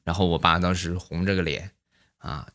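A man's voice: deep voice, fairly even intonation, normal speed, pushed and bright. A man telling comic anecdotes in a chatty way, full of tag questions. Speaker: stand-up storyteller. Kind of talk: comic monologue of short anecdotes.

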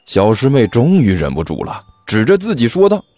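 A man narrating a serialized novel in a lively storytelling manner. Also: medium pitch, fairly quick, dry recording, faint music behind.

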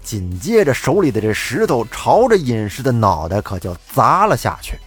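A male storyteller narrates a folk tale in a lively, colloquial style. His voice is husky and his pitch swings widely. Faint music plays behind him. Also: moderate pace.

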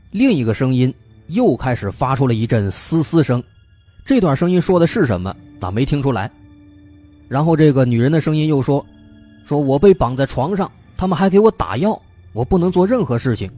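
A man with a slightly husky, breathy voice tells a spooky true-mystery story in a loose, conversational way, dropping filler particles as he builds suspense. His pitch rises and falls a lot, and soft music plays underneath. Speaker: storyteller host. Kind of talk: casual spoken storytelling of an unsolved mystery.

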